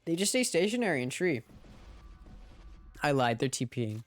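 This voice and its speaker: A man's voice: fairly high pitch, big pitch swings, moderate pace. A man streaming a watch party, giving casual play-by-play commentary on an esports match and talking straight to his chat.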